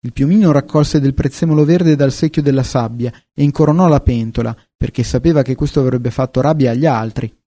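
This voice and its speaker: Man narrating a fairy tale, dark voice. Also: mid-range voice, fairly quick, few pauses, no room sound. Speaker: audiobook narrator.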